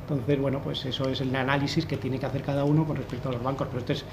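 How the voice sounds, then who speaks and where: Speaking very fast in a medium-pitched, level voice, a man in his thirties sits on a panel in a conference room as a fund manager. Through a desk microphone, and with background noise present, he works through his analysis, restarting often.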